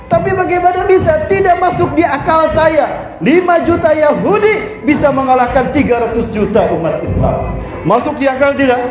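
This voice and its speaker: A man with an Indonesian accent preaching at a rally in a loud, impassioned soapbox rant. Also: very high-pitched, expressive, moderate pace. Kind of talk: rally sermon. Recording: echoey with music behind. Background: music.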